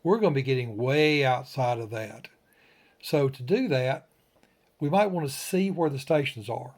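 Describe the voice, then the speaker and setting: A ham radio tutorial host walks through an informal step-by-step demonstration in short, folksy, plain-spoken phrases on the radio. His voice is mid-range and darkish, at normal speed.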